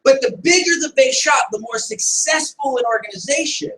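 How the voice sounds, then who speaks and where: High, bright-voiced, energetic male trainer. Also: moderate pace. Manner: energetic storytelling, often shouting. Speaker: sales trainer. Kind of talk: motivational sales training talk. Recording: echoey room, voice from far off.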